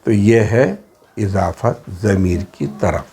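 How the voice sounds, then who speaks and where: A man with a Hyderabadi Urdu accent teaching a classroom lesson, repeating each word and its meaning in a steady drill with English words mixed in. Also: fairly low pitch, husky. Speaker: Arabic teacher.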